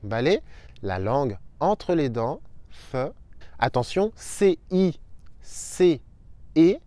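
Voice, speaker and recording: Man, language teacher, upbeat, careful drawn-out sounds, dry close sound. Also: on the high side, sing-song, warm tone, no room sound. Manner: upbeat, slowly spelling out sounds. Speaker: Spanish teacher. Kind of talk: online language lesson.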